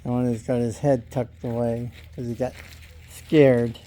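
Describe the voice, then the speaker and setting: An American man on a homestead who makes calm, short remarks about the animals. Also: medium pitch, a little slow.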